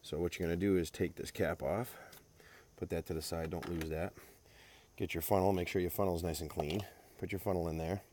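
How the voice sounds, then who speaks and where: Brief: deep-voiced male DIY vlogger, warm and relaxed, talking through truck work in a garage. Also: fairly quick, slight background noise. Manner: rambling, folksy, opinionated with many fillers. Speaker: DIY car maintenance vlogger. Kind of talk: casual how-to narration.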